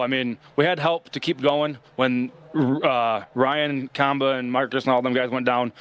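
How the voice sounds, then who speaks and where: A man's voice: medium pitch, a bit bright, clear, resonant tone. A man who has just won an online race, giving confident, rambling answers about his strategy. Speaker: race-winning sim driver. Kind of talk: post-race interview.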